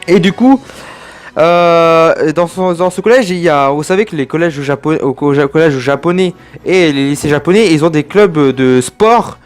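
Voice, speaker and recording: A man's voice: fairly high pitch, normal speed, clear, resonant tone, faint music behind. A young man from France casually reviewing an anime, rambling and digressive with chatty asides to his viewers.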